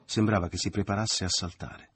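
Male audiobook narrator, low register, husky texture, measured literary reading. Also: fairly even intonation, fairly bright tone. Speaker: audiobook reader.

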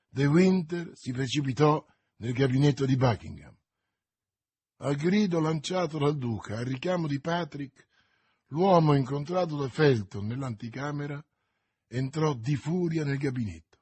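A man reading a novel aloud with dramatic, expressive narration. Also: on the high side, slightly rough, dry recording.

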